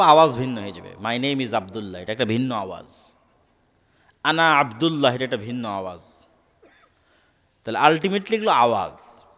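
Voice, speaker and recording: Preacher man with an echoing hall reverb. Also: fairly high pitch. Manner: asks the crowd rhetorical questions and repeats key words emphatically. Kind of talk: Islamic sermon to a live audience. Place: public sermon gathering.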